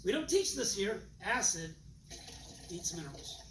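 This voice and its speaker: A folksy, animated man works a live audience, slipping into different voices as he acts out back-and-forth dialogues. He sounds far from the mic in an echoey room, with loud noise underneath. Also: sits high, a little slow. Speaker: presenter demonstrating water machines. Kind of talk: live sales demonstration to an audience.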